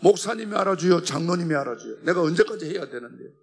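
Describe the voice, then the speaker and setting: Church elder, male, Gyeongsang accent, husky and somewhat high-pitched, impassioned testimony. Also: lively intonation, fast talker, faint music behind. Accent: Gyeongsang Korean. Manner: impassioned, swinging from loud to hushed. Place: church worship hall.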